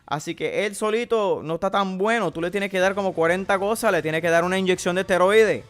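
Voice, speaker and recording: A joking, slangy Miami guy with a thick Cuban Spanish accent, as a streamer puts him on, crude and casual as he walks through his cards. The voice sits fairly high for a man. Faint guitar music plays behind. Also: brisk, fairly bright tone. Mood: playful. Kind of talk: casual game commentary.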